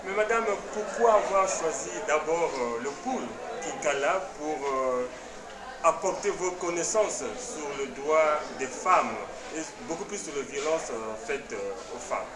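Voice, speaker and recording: A man with a fairly high voice asks measured questions, pausing on hesitant fillers. He sounds distant from the mic, with noticeable room echo. A loud crowd chatters behind him. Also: animated. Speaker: interviewer. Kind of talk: interview questions. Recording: echoey, from off-mic.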